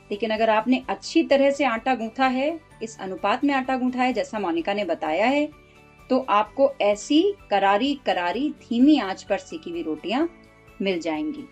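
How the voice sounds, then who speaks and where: A woman's voice: on the high side, moderate pace, a little mellow. A woman hosting a cooking show, introducing the episode and commenting in a polished, inviting tone. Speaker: show host and narrator. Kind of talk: presenter voice-over. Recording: light background music.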